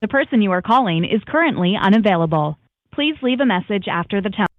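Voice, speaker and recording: A woman's voice: medium pitch, animated, fast, no room sound. Woman's voicemail prompt over a phone. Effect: heard over a phone line. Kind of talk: recorded phone system announcement. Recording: tinny dry phone line.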